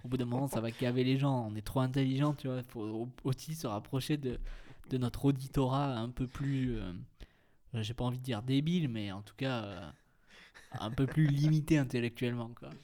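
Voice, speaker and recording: A young man of middling pitch chats on a casual podcast, joking and teasing his co-host. He stops often on hesitant fillers as he looks for his words. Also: fairly quick, mellow. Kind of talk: casual chat.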